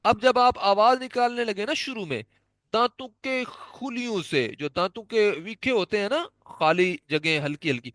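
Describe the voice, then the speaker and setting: A man's voice: high voice, fairly bright tone, no room sound. A man teaching Quran recitation, patiently explaining and repeatedly demonstrating how to pronounce letter sounds. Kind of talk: pronunciation lesson.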